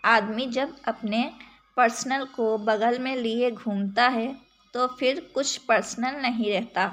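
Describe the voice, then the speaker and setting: A calm, principled young man, read by a woman storyteller who speaks earnestly and persuasively. He talks slowly, in a slightly high voice.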